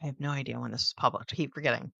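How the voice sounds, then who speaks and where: Low, bright-toned woman reading aloud. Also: fairly even intonation, racing, gravelly, dry recording, lo-fi sound. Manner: stumbles over words, dry sarcastic asides. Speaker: book club host. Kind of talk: reading a book aloud with casual commentary.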